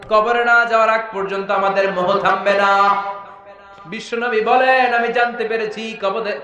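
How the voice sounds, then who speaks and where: A high-pitched male preacher delivers a fiery sermon, rising into shouts and sliding into chanted verses. His voice rings through a big hall with heavy echo and a long reverb tail. He keeps pressing the crowd to answer him back. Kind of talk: Bengali waz sermon. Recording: echoey hall, loud reverb.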